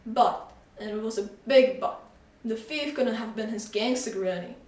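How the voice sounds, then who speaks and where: A woman's voice: fairly high pitch, normal speed. Woman reading a storybook aloud. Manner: expressive, animated reading. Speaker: reader. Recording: echoey room, voice from far off.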